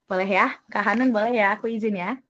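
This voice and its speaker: A woman's voice: medium pitch, fast, fairly bright tone. Chatty woman teaching over a muffled webinar. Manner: chatty, thanks participants by name. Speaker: webinar trainer.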